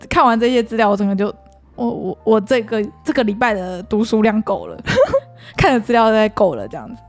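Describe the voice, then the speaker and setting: A woman chats through a casual podcast about Japanese vocabulary. Her voice sits a little high, and she talks loosely and laughs a lot. Faint music runs underneath. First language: Mandarin. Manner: chatty, laughs often, repeats words while thinking. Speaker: podcast co-host.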